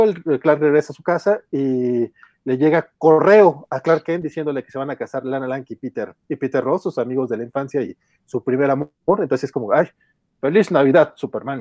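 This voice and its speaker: Mexican man, fairly high mellow voice, loose rambling podcast storytelling, dry close recording. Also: no room sound, highs cut off. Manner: rambling, many restarts and fillers, chuckles. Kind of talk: casual chat retelling a comic.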